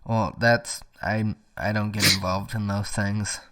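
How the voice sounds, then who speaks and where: A young man co-hosting a podcast in casual chat, dry and teasing with deadpan jokes. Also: on the low side, unhurried, a crowd in the background. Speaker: podcast co-host.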